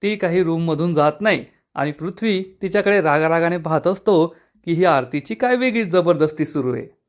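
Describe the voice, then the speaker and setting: A man narrating a steady recap of a TV serial episode, retelling events in a storytelling manner. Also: a little high, normal speed.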